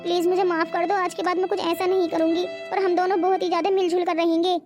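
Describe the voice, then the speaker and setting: A gossipy young sister-in-law in a comic cartoon, voiced by a woman. She needles and stirs trouble in a very high, sharp-edged voice. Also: flat delivery, fast talker, music in the background. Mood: apologetic. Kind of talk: cartoon voice acting.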